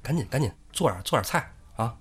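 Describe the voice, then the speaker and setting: A man's voice: mid-range voice, lively intonation, quick pace, slightly rough. A man playing an easygoing male ghost who works as a clerk in the underworld, talking in a breezy, offhand, joking way. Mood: brusque.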